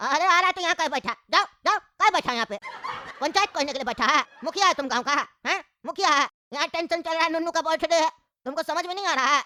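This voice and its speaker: For a cartoon, a woman voices a grumpy, quarrelsome old grandfather in a very high, bright, forceful voice, scolding angrily and indignantly in rustic speech. She talks fast, and the studio recording is clean and dry.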